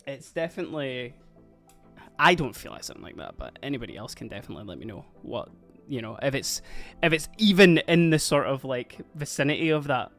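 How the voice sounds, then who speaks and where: A man with a Scottish accent, a streamer from Dundee, talks casually and rambles on a livestream while doing other things, laughing frequently. His mid-range, somewhat bright voice is very animated and brisk. There is faint background music.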